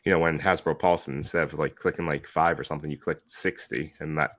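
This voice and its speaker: A man with a very low, deep voice hosting a casual podcast. He reads out listener questions in a relaxed, easygoing way. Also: brisk. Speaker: podcast host.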